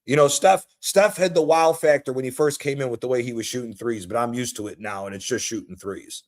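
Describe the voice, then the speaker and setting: A man's voice: mid-range voice, fairly quick. Laid-back man in his thirties. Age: 30s. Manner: laid-back, swears freely, repeats himself. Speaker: show host. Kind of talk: casual sports chat.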